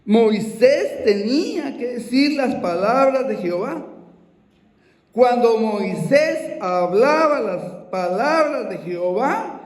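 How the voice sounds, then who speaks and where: A high-voiced man preaches slowly and deliberately, stretching out his phrases. His words ring through a large, echoey hall with a long reverb tail, and he keeps calling out to his brothers as he repeats each point. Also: animated. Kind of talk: sermon.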